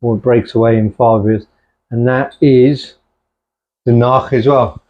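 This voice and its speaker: At a measured pace and in a steady, mid-range voice, a middle-aged man casually cooks at home in his kitchen. His easy conversation features Punjabi-Urdu phrases, and the recording is dull, lo-fi, and homemade.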